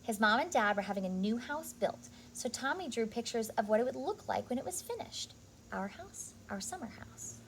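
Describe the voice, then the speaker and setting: A woman with a fairly high voice reads a picture book to young children, telling the story expressively and deliberately with asides to her listeners. The audio is poor, with a little hiss or hum.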